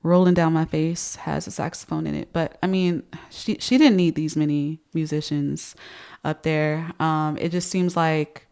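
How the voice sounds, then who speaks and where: A woman's voice: sits low, fairly even intonation, a little slow, vocal fry, darkish tone, clean tone. A woman in her thirties giving casual music commentary, speech slightly affected by dental retainers, hesitant and repeating words as she thinks.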